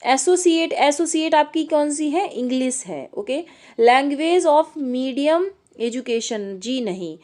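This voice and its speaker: A woman with a high voice teaches an online exam-prep class. She reads each English question out slowly, then explains it directly to her students. She often checks in with a quick "okay". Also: lively intonation, darkish tone.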